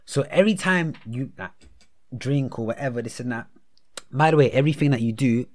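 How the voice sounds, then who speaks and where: A young man in his twenties speaks with a London roadman accent, chatting in an animated, casual way with heavy urban slang and frequent "innit" and "yeah" tags. His mid-range voice is a little fast with a darkish tone.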